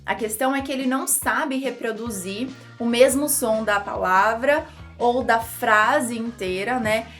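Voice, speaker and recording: A young woman from Brazil teaches English in a chatty, upbeat way, breaking into playful voices to act out examples. Her voice sits high, and faint music plays behind her. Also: unhurried, fairly bright tone. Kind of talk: YouTube English lesson.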